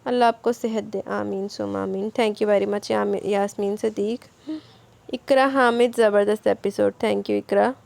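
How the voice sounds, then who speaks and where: A woman's voice: medium pitch, steady tone, measured pace, creaky. A woman, casually reading and answering listener comments as the narrator of an audio novel channel. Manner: warm thanking, chatty replies to listeners.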